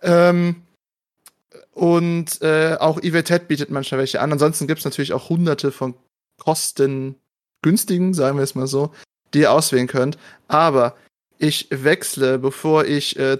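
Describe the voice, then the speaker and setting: A man with a voice a little higher than average hosts a panel talk. He presents casually and conversationally, with a joking, self-deprecating touch. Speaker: panel moderator.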